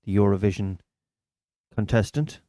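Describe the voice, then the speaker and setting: On a live stream from his small studio, an Irish comedian and podcast host chats casually and spins stories in local slang. He talks at a normal speed in a mellow voice on the low side, with no room sound.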